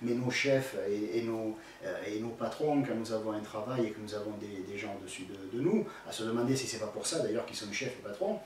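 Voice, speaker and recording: A man's voice: lowish voice, brisk, few pauses, a little mellow. A man giving spoken advice to a viewer, blunt and colloquial with crude slang and many fillers, addressing the questioner directly. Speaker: spiritual teacher answering a viewer's question. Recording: very echoey room, voice far from the mic, faint background noise.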